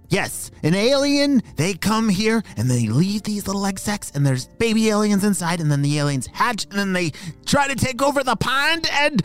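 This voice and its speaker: Storybook role: jittery know-it-all raccoon, stammers and speeds up, played by a man. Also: a little high. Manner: fussy, stammering, rushing. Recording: faint music behind.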